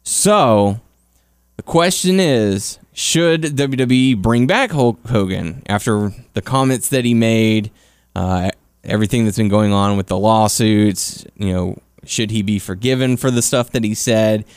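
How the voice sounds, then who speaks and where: A man's voice: fairly low pitch, measured pace, clean tone, dry recording, studio quality. A man hosting a casual sports talk podcast, interviewing a guest and introducing topics in conversational language. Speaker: podcast host.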